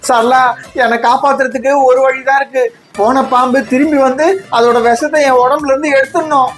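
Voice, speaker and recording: A frantic, panicky father who has just been bitten, voiced by a woman, his voice pitched high and thin as he yells for his wife. Faint music plays under the comedy skit. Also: steady tone, brisk, lightly acted. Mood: pleading. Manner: frantic, calling out loudly.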